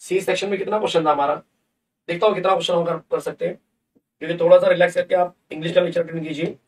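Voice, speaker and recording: A man's voice: high-pitched, steady tone, racing. A man, a chemistry teacher in a live online lesson, playful and chatty, calling his students kids. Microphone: desk mic on a livestream. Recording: distant, somewhat echoey livestream sound.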